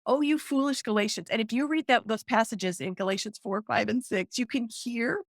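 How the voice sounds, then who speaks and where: A middle-aged woman, a guest author and counselor, explaining with excited emphasis in a podcast interview. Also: fairly high pitch, moderate pace, gravelly, no echo, clean studio sound.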